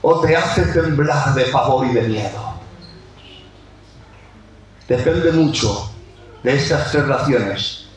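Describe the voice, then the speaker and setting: A man preaching a sermon with passion, swinging between shouted lines and low, intense ones and repeating key phrases. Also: slow pace, long pauses, a little hiss or hum. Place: church sanctuary. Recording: very echoey church hall.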